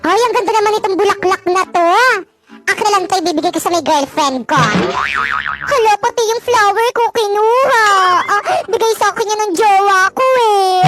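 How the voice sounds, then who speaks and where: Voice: extremely high pitch, moderate pace. A voice performing playful comedic cartoon skits, switching between all the characters. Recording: music playing clearly behind the voice.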